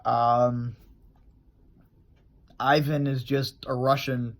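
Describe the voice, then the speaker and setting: A man's voice: medium pitch, flat delivery, drawn-out words. A man talking casually about how he builds his characters, loose and rambling, often trailing off and starting his sentences again. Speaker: character creator on his own channel. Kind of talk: casual explanatory vlog.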